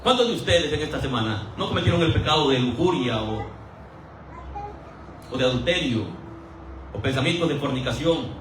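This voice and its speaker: A man preaching an animated sermon in a church, asking the congregation questions and briefly mimicking voices for laughs. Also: mid-range voice, moderate pace, long pauses, background noise. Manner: animated, rhetorical questions, acts out quoted voices for humor. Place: church hall. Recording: roomy echo, voice from a distance.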